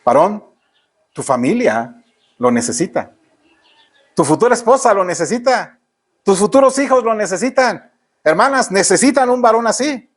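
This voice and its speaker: A man's voice: high-pitched, expressive, normal speed, pauses often. A man with a Mexican Spanish accent preaching a sermon in church, often asking the congregation rhetorical questions. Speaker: pastor.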